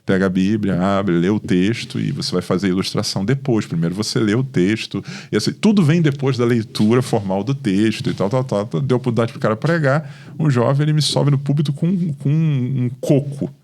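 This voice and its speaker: Brazilian pastor telling lively stories. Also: male voice, mid-range voice, fairly quick, hardly any pauses. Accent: Brazilian Portuguese. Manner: animated storytelling, acts out dialogue. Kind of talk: podcast conversation.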